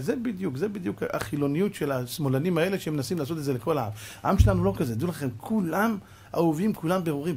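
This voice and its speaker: A man's voice: a little high, a little mellow, a little hiss or hum. A middle-aged man, a rabbi, giving a fiery Torah sermon, scolding and acting out the voices he quotes.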